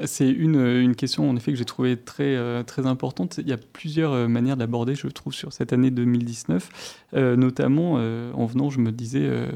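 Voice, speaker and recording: Male radio guest, mellow low-toned voice, halting delivery with lots of fillers. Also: creaky. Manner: hesitant, many fillers and restarts. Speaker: guest researcher. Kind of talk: radio interview answers. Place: radio studio.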